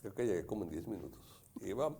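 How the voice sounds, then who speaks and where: Gravelly Mexican man hosting a talk show. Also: sits low, lively intonation, quick pace, mellow. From Jalisco, Mexico. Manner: anecdotal, earnest, addresses audience. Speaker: host. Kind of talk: casual talk show chat.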